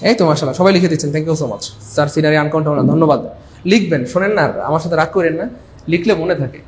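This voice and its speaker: Rapid, high-voiced Bangladeshi male tutor. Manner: rapid, repetitive, coaxing students to comment. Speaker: English teacher for exam prep. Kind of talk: live online class.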